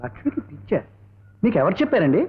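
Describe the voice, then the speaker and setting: A man's voice: sits high, very animated, fast, husky, full character voice. An actor playing a brash, teasing young man pedaling a rickshaw. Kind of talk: 1980s film comedy dialogue. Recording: dull lo-fi old film soundtrack.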